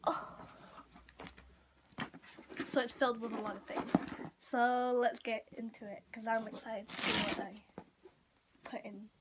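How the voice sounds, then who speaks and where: Recorded on a built-in device mic at arm's length or slightly beyond, a roughly 15-year-old girl from Portugal does a casual show-and-tell vlog indoors in a small room at home. Her fairly high, steady voice is halting, full of "like" and trailing off, and the recording is very noisy.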